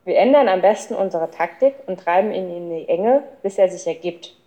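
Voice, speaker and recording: Eine Frau spielt den besonnenen Jungen „Professor“. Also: female voice, fairly low pitch, expressive, fairly quick, warm tone, lo-fi sound, natural voice. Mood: calm. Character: clever, level-headed boy nicknamed Professor.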